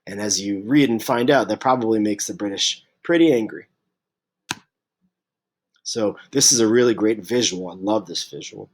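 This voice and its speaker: A man teaching a history lesson, unwell and clearing his throat, halting with many fillers and restarts. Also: lowish voice.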